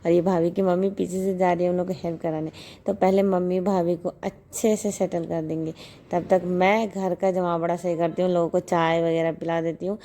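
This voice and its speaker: A woman's voice: lowish voice, level tone, moderate pace, dark tone. Chatty woman narrating a family vlog. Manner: chatty, rambling, repeats words. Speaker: vlogger. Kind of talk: casual home vlog narration.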